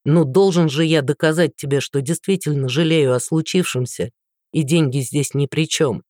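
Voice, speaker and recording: A woman's voice: low-pitched, moderate pace, darkish tone, no echo, clean studio sound, lightly acted. A woman doing Andrey, pleading young man. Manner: earnest, pleading.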